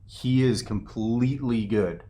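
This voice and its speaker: A man co-hosting a casual podcast, telling quick anecdotes in an easygoing way and laughing often. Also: mid-range voice, dark tone. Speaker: podcast co-host. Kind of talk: casual chat.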